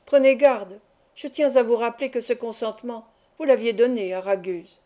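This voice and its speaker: Woman playing a menacing man, threatening, insistent, loud, mellow. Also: on the high side, steady tone, moderate pace, natural voice. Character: menacing villainous man pressing a forced marriage.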